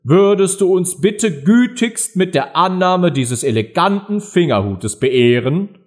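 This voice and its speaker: A man's voice: high-pitched, animated, a little slow, pitched above the performer's own voice. A man voicing a solemn, pompous dodo bird making a ceremonious speech. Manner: ceremonious and stately.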